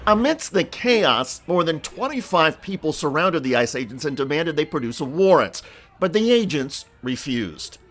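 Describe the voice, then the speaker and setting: A man's voice: fairly high pitch, very animated, normal speed, fairly bright tone, slight background noise. A man hosting a scripted political news commentary with an emphatic, punchy delivery.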